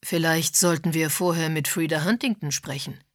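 A woman reading an audiobook, voicing a polite gentleman with a dry wit. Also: sits low, moderate pace, dry recording.

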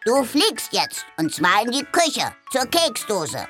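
A woman's voice: on the high side, wildly swooping pitch, takes it slowly, a bit bright, soft background music, pitched above the performer's own voice, full character voice. A woman voicing a cheeky, cocky male cat-bear creature in a storybook reading, with a bossy manner.

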